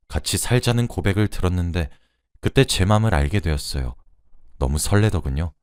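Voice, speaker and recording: Deep-voiced man narrating a radio drama. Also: a little mellow, clean tone, no room sound, studio quality.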